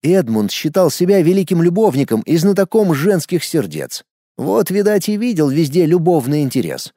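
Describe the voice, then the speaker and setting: A man narrating a first-person audiobook in a wry, even-tempered storytelling manner. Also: fairly high pitch, normal speed, no echo, clean studio sound.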